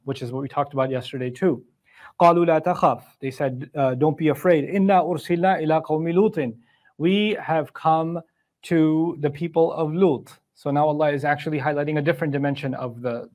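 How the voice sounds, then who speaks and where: Man teaching Quran commentary, fairly high voice. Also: darkish tone. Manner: recites Arabic verses then explains them in English; conversational, asks rhetorical questions.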